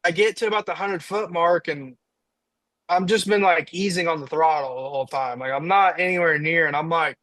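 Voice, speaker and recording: A man's voice: fairly high pitch, a little fast, a bit bright, no room sound, rough recording. A young man from Indiana, a diesel truck racer on a podcast, telling a story in casual chat and acting out his own quotes.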